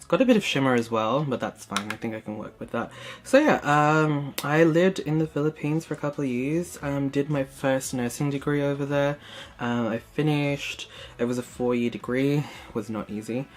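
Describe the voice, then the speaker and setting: A man's voice: mid-range voice, normal speed. A young man from Hong Kong, a beauty vlogger, chatting casually with many fillers while narrating his makeup steps in a small room. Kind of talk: casual get-ready-with-me chat. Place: small indoor room, plain backdrop.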